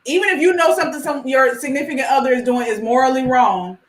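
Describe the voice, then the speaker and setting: A woman co-hosting a casual panel chat, choosing her words carefully and pausing with fillers. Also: sits high. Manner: hesitant, measured, many fillers. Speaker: podcast co-host. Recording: echoey room.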